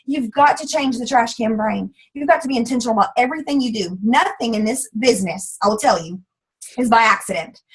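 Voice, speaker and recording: A woman from the American South, likely in her thirties, giving a loud, fast, emphatic motivational pep talk as guest speaker on a call. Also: a little high, breathy edge, poor audio.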